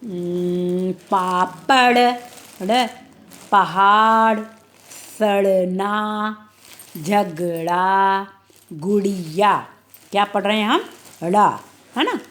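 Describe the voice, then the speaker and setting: Woman, primary school teacher, very slow careful reading, stretched-out words, online phonics lesson. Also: medium pitch, fairly bright tone. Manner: slow, drawn-out word-by-word reading; asks questions and answers them herself.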